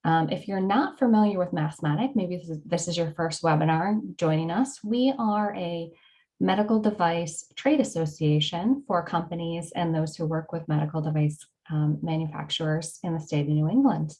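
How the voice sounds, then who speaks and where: A woman's voice: on the low side, normal speed, a little mellow, rough recording. A woman opening a webinar as host, upbeat and friendly, with frequent ums. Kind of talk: scripted webinar introduction.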